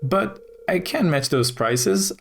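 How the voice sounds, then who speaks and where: A man's voice: sits high, lively intonation, slow pace, creaky, pitched above the performer's own voice, heavily acted. A man voicing a worried small-town shopkeeper in a farming game. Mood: fretful.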